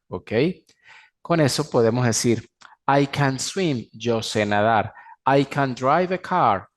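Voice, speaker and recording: A man teaching an English grammar class in Spanish, pronouncing the English example sentences slowly and clearly. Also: medium pitch. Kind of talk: recorded class lecture.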